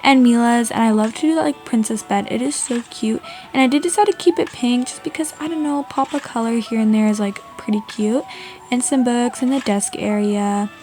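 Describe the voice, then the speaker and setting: Over background music, this Canadian video creator talks through a game build in a relaxed, wavering way, peppering her speech with "like" and "honestly." Her voice is a little high and brisk, with a dark tone.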